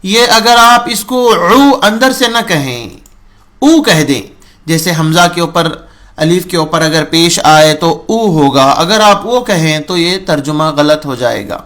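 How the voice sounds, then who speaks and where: A man with a noticeably high voice teaches a recorded Quran reading lesson. He stretches single syllables slowly and repeats each sound again and again so students can copy it. His manner stays patient and instructive throughout. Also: a bit bright. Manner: slow drawn-out syllables, repeats sounds to model pronunciation. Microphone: recording for remote students.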